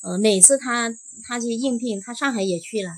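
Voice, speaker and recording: A woman's voice: fairly high pitch, normal speed, slightly rough, low-quality recording. A middle-aged woman from Jiangxi, an interview guest telling a personal story and acting out the conversations she recounts. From Jiangxi, China. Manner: lively retelling, acting out quoted dialogue.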